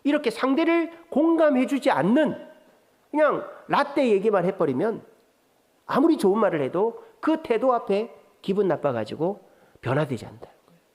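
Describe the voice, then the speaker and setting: Animated, high-voiced man preaching. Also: normal speed. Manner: animated preaching, acting out sarcastic quotes. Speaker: pastor. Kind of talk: sermon.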